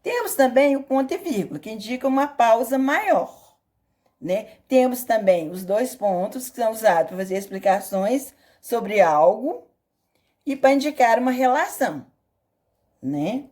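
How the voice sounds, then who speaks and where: A woman's voice: a little high, expressive, normal speed, darkish tone. A woman teacher from Brazil, patiently explaining a lesson to parents and often adding "né?". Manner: patient explaining with frequent "né?" tags.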